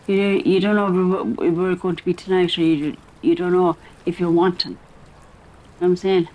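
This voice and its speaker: A man's voice: high voice, level tone, normal speed, a little mellow, poor audio. A middle-aged man with a west of Ireland accent, giving a candid personal account in a hesitant, conversational way. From Ballinasloe, west of Ireland. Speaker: documentary interviewee.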